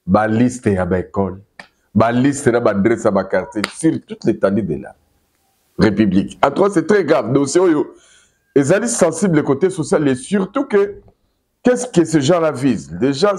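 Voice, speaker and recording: A man with a Congolese accent giving animated political news commentary, emphatic and repeating his key phrases for weight. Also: mid-range voice. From Democratic Republic of the Congo. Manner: emphatic, repeats key phrases, mixes two languages freely.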